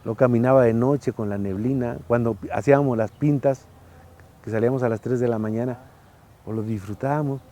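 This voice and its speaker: In a mid-range, dark voice with fairly even intonation, a little fast, a Mexican-accented man in his sixties shares casual stories as an interviewee. An architect and former faculty director, he speaks colloquially and often uses tag questions.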